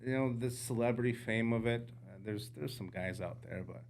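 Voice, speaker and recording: A man, an outdoorsman from the United States, telling hunting stories as a podcast guest in casual, animated chat. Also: mid-range voice, moderate pace, vocal fry, slight background noise. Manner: animated storyteller, jumps into quoted voices.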